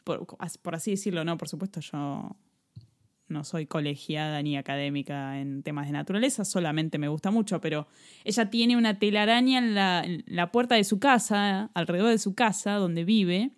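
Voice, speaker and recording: A woman with a lowish voice and an Argentine Spanish accent co-hosts a true-crime podcast, talking at normal speed. She relates a case in casual chat, laughing a lot and restarting her sentences.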